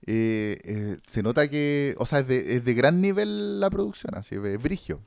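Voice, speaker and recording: A man's voice: mid-range voice, animated, a little slow, creaky, a little mellow, clear, resonant tone, no room sound, clean studio sound. A man with a Chilean accent hosting a podcast, talking casually and rambling about a series, full of slang and fillers. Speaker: podcast host. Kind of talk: casual chat reviewing a series.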